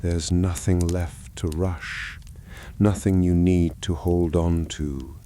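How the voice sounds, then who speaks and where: A man narrating a soothing sleep story in a hushed, gentle, calming way, with long pauses between phrases. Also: deep voice, a little hiss or hum.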